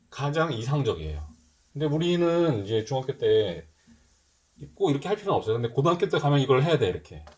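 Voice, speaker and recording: This middle-aged man, a math tutor, runs a relaxed middle school math lesson, reasoning out loud and switching between polite and casual speech. He speaks at a medium pitch, and there's a little hiss or hum on the recording.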